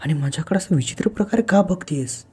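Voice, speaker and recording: A man's voice: on the high side, lively intonation, fast, a little mellow, slightly rough, pitched above the performer's own voice. Man doing an exasperated young husband. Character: puzzled, irritated young husband.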